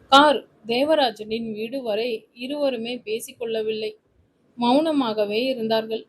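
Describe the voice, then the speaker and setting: Woman storyteller, fairly high voice, steady measured reading, storybook narration. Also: a little hiss or hum, rough recording.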